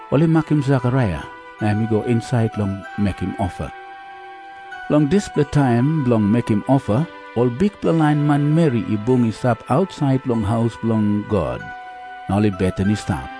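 A man with a Papua New Guinean accent narrating scripture as a story in Papua New Guinean Pidgin. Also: mid-range voice.

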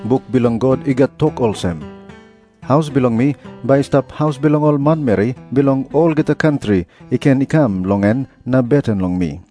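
A man's voice: mid-range voice, normal speed, dark tone, faint music behind, close to an everyday voice. A man with a Papua New Guinean accent playing an earnest, authoritative religious teacher who instructs and admonishes in a scripture drama. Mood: stern, rebuking. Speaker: voice actor in dramatised scripture reading. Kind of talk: dramatised scripture reading in Tok Pisin.

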